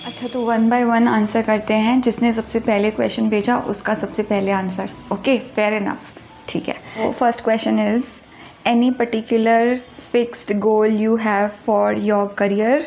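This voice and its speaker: Slow, creaky, and level in tone, her somewhat high voice has a darkish quality with slight background noise. She's a YouTuber in her 20s doing a birthday Q&A, talkatively answering viewer questions in a Hindi-English mix and poking fun at herself.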